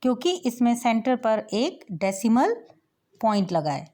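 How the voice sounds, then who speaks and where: A woman teaching a maths lesson in a fairly high voice. She explains step by step and keeps turning questions back to the viewer. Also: expressive, unhurried, warm tone.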